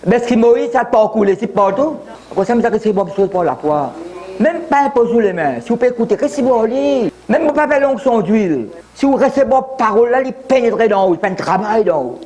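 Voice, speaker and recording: A man's voice: high-pitched, lively intonation, fairly quick, darkish tone. A man in his seventies, a pastor from Mauritius, preaching a sermon with many repetitions and asides. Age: 70s. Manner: preaching with repetitions, switching briefly into English.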